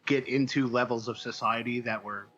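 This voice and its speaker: With a bit of brightness in his mid-range voice, a Midwestern comic book writer chats through stories as an interview guest, hesitant and discursive. His intonation stays fairly even and his speed is normal. The recording is muffled.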